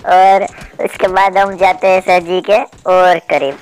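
A man's voice: high voice, little pitch movement, takes it slowly, clear, resonant tone, poor audio. Playful man teasing his way through gameplay. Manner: playful and teasing, mock-polite toward opponents. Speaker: gaming channel host. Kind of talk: comedic mobile gameplay commentary.

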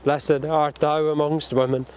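A man leading a burial service outdoors at a cemetery, reciting the prayers in a solemn, measured way. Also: fairly high pitch, flat delivery, darkish tone, slight background noise. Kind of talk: liturgical graveside prayer.

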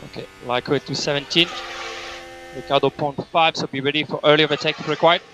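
A man's voice: on the high side, steady tone, a little fast, sharp tone, slight background noise, poor audio. A man working as race engineer, giving terse, repetitive, clipped instructions over race car team radio. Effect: team radio transmission.

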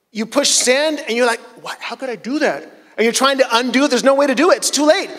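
A middle-aged pastor preaching a casual sermon on a church stage with a handheld mic, telling personal stories in a conversational, self-deprecating way. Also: male voice, very high voice, a bit bright. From Chile. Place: church stage, large hall. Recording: long church hall reverb.

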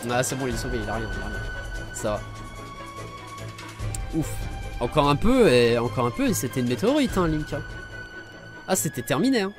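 A young man commenting on his gameplay as a let's play host, with excitable asides and frequent swearing. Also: medium pitch, moderate pace, pauses often, over music.

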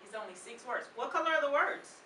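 Speaking high and fast, a middle-aged woman who writes and presents children's books does an animated read-aloud for little ones. She throws out questions and has them repeat words back. Recorded by a distant camera in the library's children's room, the audio is echoey, with background noise from the room and the children.

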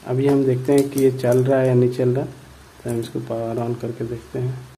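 A man explaining a repair step by step in a plain tutorial manner, often pausing to check in with viewers. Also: mid-range voice, monotone, mellow, a little hiss or hum. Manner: plain explanatory, repeats "ठीक है" and "दोस्तों".

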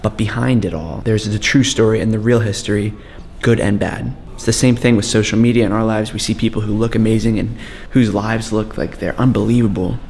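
A man's voice: lowish voice, steady tone, brisk, a little mellow, a little hiss or hum. A young man vlogging, reflecting earnestly and then chatting like a tour guide on a walk. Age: young adult. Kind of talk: reflective vlog narration and casual walk-and-talk. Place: museum indoors and college campus outdoors. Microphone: handheld camera at arm's length.

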